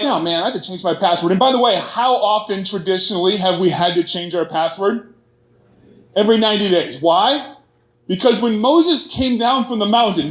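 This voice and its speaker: Man giving a conference talk, high voice, roomy hall sound, chatty and full of stories. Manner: storytelling with quoted voices and jokes, many fillers. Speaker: conference speaker.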